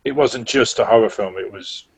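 A man talking haltingly and informally as a guest in a casual film discussion. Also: mid-range voice, creaky, breathy edge. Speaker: podcast guest.

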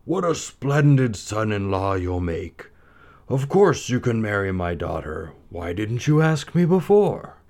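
A man voicing a hot-tempered old sultan in a storybook reading, with slow, booming threats. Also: big pitch swings, darkish tone. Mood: delighted.

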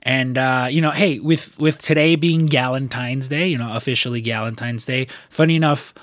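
This Midwestern man hosts a casual podcast chat in a medium-pitched, steady, slightly bright voice at normal speed. The studio-quality recording has no room sound, and he rambles loosely with profanity and fillers while still sniffly and congested.

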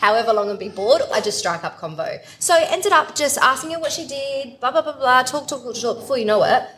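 A woman's voice: high-pitched, animated, fast talker, a bit bright, a little hiss or hum. A young woman co-hosting a podcast, sociable and upbeat, telling an anecdote live on stage. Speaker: podcast co-host. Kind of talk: casual chat at a live podcast recording.

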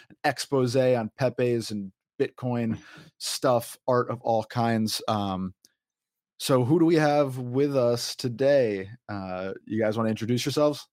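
A man's voice: mid-range voice, darkish tone, no echo, clean studio sound. A man hosting a casual podcast panel in an easygoing, self-deprecating way, with plenty of fillers. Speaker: podcast host.

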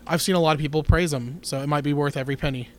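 Man, podcast co-host, casual chat, rambling, opinionated, slightly high voice. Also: steady tone, racing. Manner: rambling, opinionated, lots of restarts.

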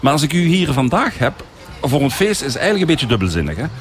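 A man's voice: on the high side, very animated, fast, soft background music. A man with a Belgian Dutch accent doing a casual local radio interview, searching for words as he asks questions.

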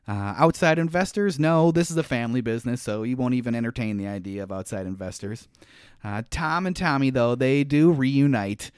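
A man's voice: medium pitch, a little fast, darkish tone, clean tone, dry recording, studio quality. Chatty man recapping a movie. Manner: chatty, rambling, with frequent laughs and "uh" fillers. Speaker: podcast co-host recapping a film. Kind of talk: casual movie-recap chat.

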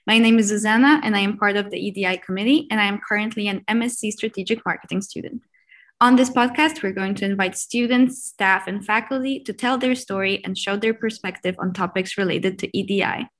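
Host, woman in her 20s, polite and a bit hesitant; middle pitch, reads intro then interviews. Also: a little fast, fairly bright tone. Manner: polite, hesitant with many ums in questions. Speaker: podcast host. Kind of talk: scripted podcast intro and interview questions.

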